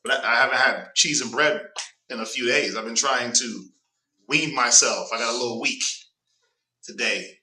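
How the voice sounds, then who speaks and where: Here the Southern US teacher of a casual Bible class speaks in a mid-range voice at normal speed, bright and forceful, over slight background noise. Nose stuffed up and throat clearing, he keeps things conversational, cracks jokes, and cues a reader with "go ahead." The mic is distant and the room echoes.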